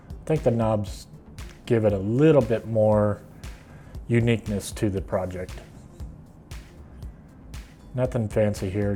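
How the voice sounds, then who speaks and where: A middle-aged American man who hosts woodworking videos casually explains a do-it-yourself project, plainspoken and unscripted. His voice is fairly low and dark.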